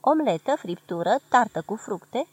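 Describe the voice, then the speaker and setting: Husky-voiced woman reading a memoir. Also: fairly high pitch, dry recording. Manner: measured, expressive narration. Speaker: reader of a memoir. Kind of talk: literary audiobook reading.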